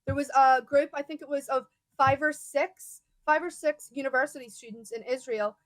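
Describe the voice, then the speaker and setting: A young woman with an Irish accent argues her side bluntly and emphatically, often tripping over her words as she pushes on. Her voice sits high, and the recording is dry and close, with no room sound. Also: fairly even intonation, normal speed, a bit bright, no echo, rough recording. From Ireland. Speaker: guest debater. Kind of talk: heated debate.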